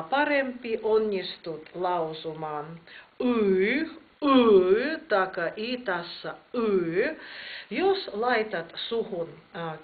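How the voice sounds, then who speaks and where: Woman teaching with hesitant explanations. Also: medium pitch. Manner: slow explanations with frequent hesitations. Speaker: Russian teacher. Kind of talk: language lesson. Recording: tinny phone-like sound with faint noise.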